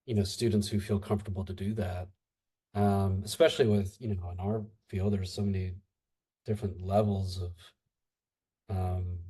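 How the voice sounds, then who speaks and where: A man's voice: fairly low pitch, warm tone, breathy edge. A man who teaches English, a guest in a casual podcast chat, rambling and antsy as he talks. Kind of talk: casual conversation.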